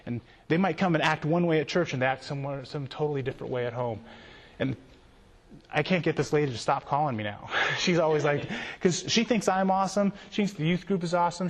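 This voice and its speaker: A man speaking as a youth pastor, telling stories in an animated way and often repeating himself. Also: on the high side. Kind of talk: storytelling conference talk. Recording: long hall reverb.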